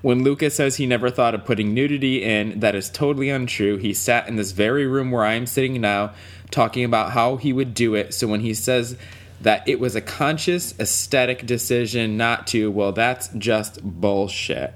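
A man's voice: medium pitch, normal speed. A man hosting a podcast in casual chat, with a frank, crude joking manner. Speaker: podcast host.

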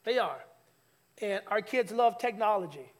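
A pastor speaks a little slowly in a voice that sits high, preaching conversationally in the church sanctuary. He's lively, teases the congregation and prompts them to answer back.

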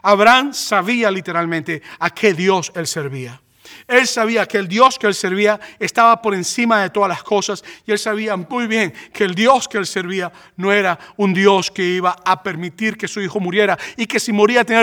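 High, bright-voiced impassioned preacher. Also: male voice, brisk. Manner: impassioned, rising to emphatic peaks. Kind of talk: sermon.

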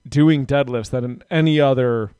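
A man's voice: medium pitch, normal speed, dark tone, clear, resonant tone, no room sound, clean studio sound. Rambling man in casual podcast chat. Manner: rambling, filler-heavy, restarts often. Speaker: podcast host.

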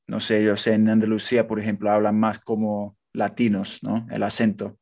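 A man's voice: lowish voice, monotone, normal speed, gravelly, darkish tone. A man interviewing casually, curious and asking lots of short follow-up questions. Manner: curious, asks many short questions, encouraging fillers.

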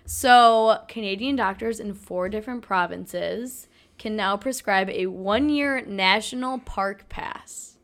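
A woman's voice: mid-range voice, takes it slowly, fairly bright tone. A woman co-hosting a casual podcast, chatting and reading out news headlines with lots of "like". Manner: chatty, reads out headlines with filler "like". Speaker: podcast co-host.

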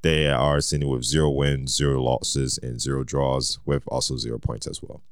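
Man, very deep voice, smooth and resonant, casual sports podcast chat, laughs easily. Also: moderate pace, no room sound, clean studio sound. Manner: reads league standings in a steady, listing delivery. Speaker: podcast co-host.

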